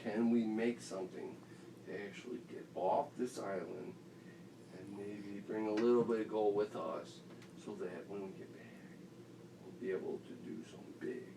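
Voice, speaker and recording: A scheming castaway drops his voice low and quiet to plot an escape, as a dad puts him on at bedtime. The sound is roomy and comes from a mic set a little away. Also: steady tone, moderate pace, background noise, close to an everyday voice. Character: scheming grown man castaway, gruff and greedy. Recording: roomy echo, mic far off.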